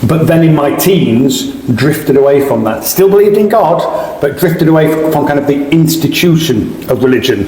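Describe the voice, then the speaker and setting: Middle-aged Sheffield man, podcast guest, halting restarts, long room echo. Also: fairly high pitch, expressive, a little mellow, a little hiss or hum. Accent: Sheffield English. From England. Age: 40s. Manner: frequent restarts and repeated words. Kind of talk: casual interview. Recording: echoey room with faint ambience.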